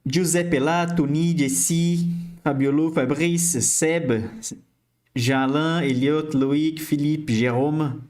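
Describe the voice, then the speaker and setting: A man's voice: fairly high pitch, fairly even intonation, takes it slowly, a little mellow. A man with a Brazilian accent hosts a live-streamed investing class, chatty and checking in with viewers as he explains. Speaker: financial educator hosting a live stream.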